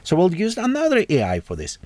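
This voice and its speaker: A man hosting a casual software tutorial, speaking halting, non-native English with frequent restarts and self-corrections. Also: high voice, wildly swooping pitch, no echo. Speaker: tech tutorial host.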